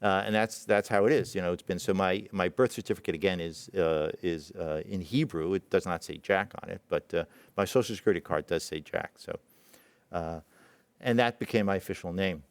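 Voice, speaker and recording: Halting, reflective man with a low voice. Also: clean tone, dry recording. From Israel. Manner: halting, many fillers and restarts, reflective. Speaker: presenting physician. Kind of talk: personal story in a talk.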